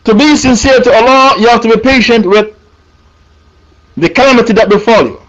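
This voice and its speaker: A man delivers a sermon in a high voice, stressing and repeating his key points. The recording is dull and lo-fi. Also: fairly quick, fairly bright tone. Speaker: preacher.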